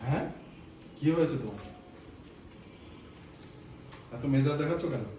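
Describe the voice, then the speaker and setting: A young father coos and coaxes his little child in a high, lively voice that leaps up and down as he plays. His tender, mock-pleading baby talk sounds through a roomy home room with a faint hum of background noise. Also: quick pace. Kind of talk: playful baby talk with a toddler.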